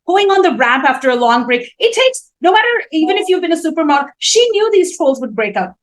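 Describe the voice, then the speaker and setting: A woman co-hosting a casual talk show, telling stories in an animated, emphatic way. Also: very high-pitched, brisk, rough recording. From India. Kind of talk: casual chat.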